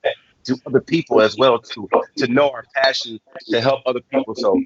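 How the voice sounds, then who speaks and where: A man guest in a casual promotional chat over a video call, talking with excited enthusiasm. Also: mid-range voice, fairly quick, breathy edge, no room sound, muffled recording. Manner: excited, enthusiastic, laughs often.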